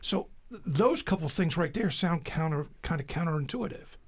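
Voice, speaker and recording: A man's voice: fairly high pitch, lively intonation, normal speed, breathy edge. A male radio talk show host asking questions in a conversational way, with folksy asides. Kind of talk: public radio interview.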